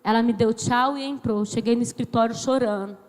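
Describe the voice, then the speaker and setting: A woman in her thirties from Brazil preaching a sermon as a pastor, slow and emphatic, acting out dialogue as she tells stories. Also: fairly high pitch, fairly even intonation, darkish tone. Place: church sanctuary. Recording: long church hall reverb.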